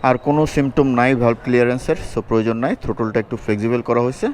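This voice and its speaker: A man's voice: medium pitch, racing, darkish tone, a little hiss or hum. A man from Bangladesh, a motorcycle vlogger, talking bluntly and plainly and mixing in English phrases. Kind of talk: casual vlog talk. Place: outdoors on a city street.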